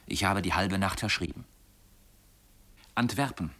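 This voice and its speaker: A man with a lowish voice reads classic literature aloud as an audiobook narrator. His storytelling is steady and expressive, paced as scripted narration. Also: measured pace.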